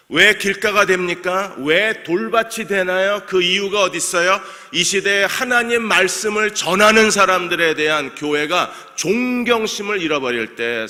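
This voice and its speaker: A man's voice: a little high, sharp tone. A male senior pastor preaching an expository sermon, asking the congregation questions and answering them himself in an emphatic, preacherly way. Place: church sanctuary. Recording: long church-hall reverb.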